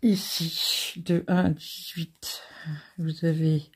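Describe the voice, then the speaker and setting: Slow, very husky woman, gravelly. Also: on the low side, flat delivery. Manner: chatty and halting, with many fillers; giggly, self-mocking. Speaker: crafting channel host. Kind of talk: casual show-and-tell of craft supplies.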